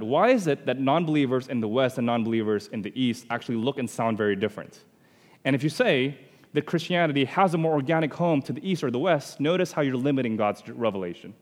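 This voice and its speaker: A man's voice: medium pitch, in a large hall. A man from Indonesia giving an explanatory theology lecture, stressing points with rhetorical questions.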